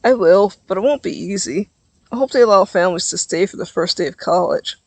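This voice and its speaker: Man putting on an eager, bright teen boy. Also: fairly quick, dry recording. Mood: wistful. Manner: eager and warm, pitched up and louder. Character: cheerful caring teen boy, the best friend.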